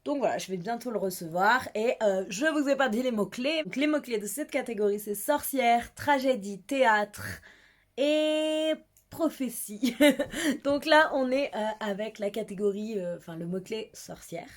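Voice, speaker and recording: A woman's voice: on the high side, lively intonation, normal speed. A young woman chatting casually about her reading pile, giggly and self-mocking as a book vlogger. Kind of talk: casual book haul chat.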